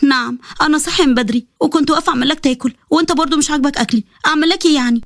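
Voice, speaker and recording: A woman voicing a sharp-tongued, feisty young woman with an Egyptian accent, firing off bossy, snappy retorts. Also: high voice, rapid-fire, no room sound, clean studio sound, voice pushed up.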